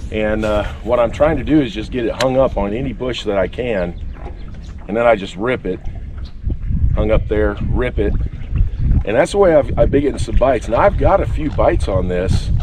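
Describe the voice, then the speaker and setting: A middle-aged man talking casually to viewers while he fishes from a boat on a lake, easygoing and chatty. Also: medium pitch. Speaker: fishing vlogger. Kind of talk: casual on-the-water fishing talk. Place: outdoors on a small boat on a lake. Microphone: camera mounted on the boat, a few feet away. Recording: distant outdoor camera mic, wind and water noise.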